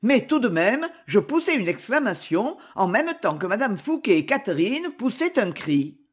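Woman narrator for an audiobook, expressive storytelling, lively melody. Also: medium pitch, moderate pace, slightly rough.

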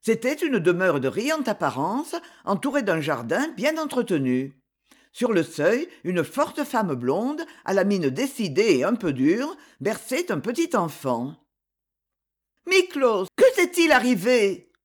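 A woman narrating a story in an expressive, melodic reading. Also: mid-range voice, measured pace, breathy edge. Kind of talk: scripted narration.

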